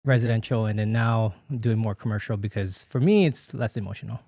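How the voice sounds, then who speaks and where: A man's voice: on the low side, fairly quick, warm tone, dry recording, clean studio sound. A man in his late thirties, born in the Philippines and raised in Hawaii, telling his story as a podcast guest in a loose, chatty way full of fillers and restarts. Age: late 30s. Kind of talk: casual conversational interview.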